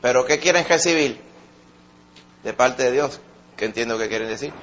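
A man with a Puerto Rican accent preaching a sermon, swinging between loud emphatic peaks and soft, low asides. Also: normal speed, dull audio.

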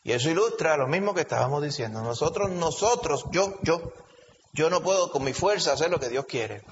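Puerto Rican preacher in a big reverberant hall. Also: male voice, on the high side, animated, a little fast. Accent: Puerto Rican Spanish. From Puerto Rico. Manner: conversational, asks the congregation questions. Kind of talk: sermon. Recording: dull lo-fi recording with long reverb and faint hiss.

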